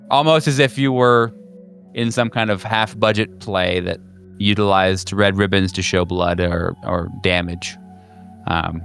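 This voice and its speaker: Acting as game master for a horror tabletop game, a man narrates in a hesitant, conversational and descriptive way. His voice is on the low side and a bit bright, with music playing in the background.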